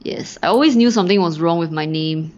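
A woman's voice: lowish voice, a little fast, crowd noise. Singaporean woman chatting in Singlish, slightly dull audio. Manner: Singlish slang, tag questions, some Mandarin. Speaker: podcast co-host. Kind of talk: casual podcast banter.

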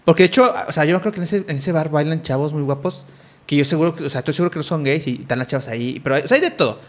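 A man's voice: on the high side, very fast. A young man with a Mexican Spanish accent, telling a story in casual chat, rambling with many fillers and restarts.

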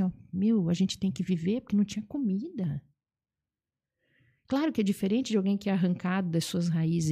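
A middle-aged woman speaks in an interview, warm and mellow in tone. She tells her stories with animation and often slips into the voices of the people she quotes, with plenty of conversational fillers. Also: medium pitch. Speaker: psychologist and teacher.

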